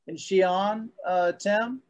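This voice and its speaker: A man's voice: sits high, steady tone, slow pace, darkish tone, rough recording. A man hosting a community meeting on a video call, talking casually and restarting his sentences. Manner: hesitant, restarts often. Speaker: host.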